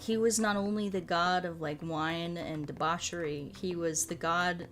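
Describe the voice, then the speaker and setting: With music in the background, a streamer and host talks her way through a game, rambling informally and thinking out loud. Her voice is on the low side and a bit bright, with fairly even intonation and an unhurried pace.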